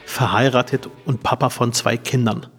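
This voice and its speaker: A Berlin man in his forties, a politician acting as interviewer, presents a scripted introduction and asks prepared questions in German. His mid-range, somewhat bright, husky voice is steady at a moderate pace, with faint music in the background.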